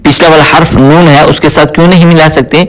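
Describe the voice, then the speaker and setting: A man teaching tajweed word by word, slowly explaining rules and repeating each word several times in a chanted recitation. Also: on the high side, fairly even intonation, fairly bright tone, a little hiss or hum. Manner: spoken explanation alternating with melodic chanted recitation. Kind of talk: word-by-word tajweed pronunciation lesson.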